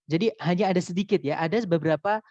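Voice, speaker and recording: A man's voice: sits high, very fast, darkish tone, no room sound. A man teaching English grammar in a recorded online lesson, explaining patiently and repeating his points. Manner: patient, repeats points and says "teman-teman" often. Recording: dry, slightly dull recording.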